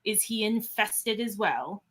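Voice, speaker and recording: In a live radio-theatre script reading, a woman plays a starship captain who is composed and commanding. Her mid-range voice is expressive yet deliberate and authoritative, with a measured, commanding mood.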